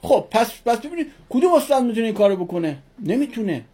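A woman's voice: fairly high pitch, big pitch swings, mellow, breathy edge. A woman teaching a religion class who asks her students questions and answers them herself, repeating key words for emphasis.

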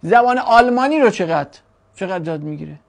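Gravelly chatty language teacher. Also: mid-range voice, animated. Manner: chatty, rhetorical questions, jokes. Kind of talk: classroom lecture.

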